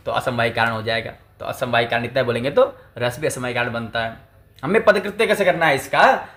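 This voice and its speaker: Bright-voiced man teaching, asking himself questions. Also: fairly high pitch. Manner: asks and answers his own questions; recites Sanskrit text slowly. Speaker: Sanskrit teacher. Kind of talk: textbook lecture.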